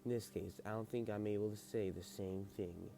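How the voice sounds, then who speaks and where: A man playing a grave, seasoned detective in a game story, speaking slowly and deliberately with pauses. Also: lowish voice, steady tone, gravelly, mellow. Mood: grave, unsettled. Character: grave seasoned male detective recounting a baffling case. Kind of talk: game story read aloud.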